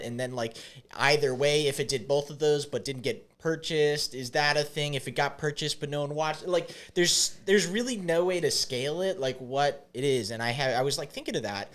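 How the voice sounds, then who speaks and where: A man's voice: mid-range voice, fairly bright tone. A man co-hosting a podcast, talking in loose, rambling sentences with many fillers and restarts. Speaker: podcast co-host. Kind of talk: casual chat.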